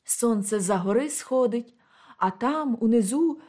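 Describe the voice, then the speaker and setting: A woman giving an impassioned, expressive dramatic reading of a literary story. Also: on the high side, unhurried. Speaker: audiobook reader.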